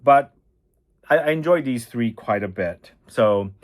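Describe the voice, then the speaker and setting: A man's voice: mid-range voice, animated, a little slow. A man giving a casual spoken fragrance review, chatty, with frequent fillers and restarts.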